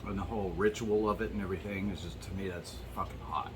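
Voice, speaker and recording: A man's voice: low-pitched, fairly even intonation, fast talker. A man chatting casually and candidly to viewers, swearing freely, his mouth burning from spicy food as he tastes hot sauces and answers questions. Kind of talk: casual solo chat to viewers. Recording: clearly noisy background.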